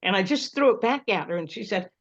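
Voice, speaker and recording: A woman's voice: medium pitch, animated, quick pace, muffled recording. A woman telling a story in a casual group chat, laughing often and acting out what people said. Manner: chatty storyteller, laughs often, acts out quotes. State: prone to coughing. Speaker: group member.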